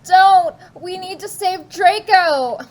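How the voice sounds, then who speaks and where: A woman voicing a dramatic goth teenage girl, loud and overwrought. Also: extremely high pitch, expressive, normal speed, pitched above the performer's own voice. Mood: shrieky.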